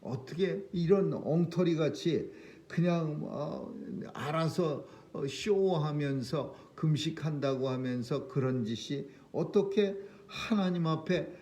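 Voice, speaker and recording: Korean pastor guy, dawn sermon, warm low-key voice, earnest, keeps restarting lines. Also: slow pace. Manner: earnest preaching, rising emphatic phrases, frequent restarts. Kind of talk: early-morning prayer sermon.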